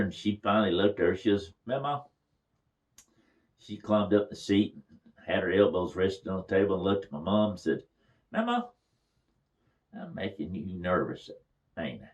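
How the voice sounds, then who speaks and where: An older man tells family memories in a casual, folksy way. His voice sits a little low, and he chuckles now and then as he talks. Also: normal speed, a little mellow, highs cut off. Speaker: storyteller. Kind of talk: casual reminiscing.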